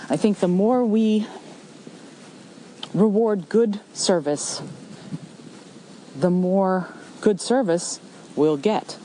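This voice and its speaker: A middle-aged woman hosting a solo podcast outdoors, talking conversationally and telling her story emphatically and deliberately. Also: mid-range voice, warm tone, low-quality recording. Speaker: podcast host. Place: outdoors with passing cars and machinery. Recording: faint traffic and machine noise outdoors.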